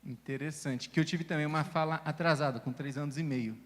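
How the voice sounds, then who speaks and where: A man's voice: fairly high pitch, fairly even intonation, brisk, long reverb tail. A man who stutters at times, telling personal stories in a casual panel discussion at a church event. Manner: stammers at times, many fillers; reflective personal storytelling.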